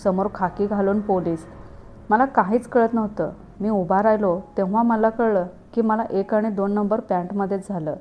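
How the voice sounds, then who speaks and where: A woman narrating a first-person story in a steady, earnest way. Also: medium pitch, moderate pace, lo-fi sound, a little hiss or hum.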